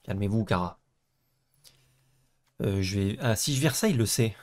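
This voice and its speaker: A young man co-hosting a card game video, chatting casually and playfully with bursts of excited exclamations. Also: fairly low pitch, a little fast. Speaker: co-host and card game player. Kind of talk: casual gameplay chat.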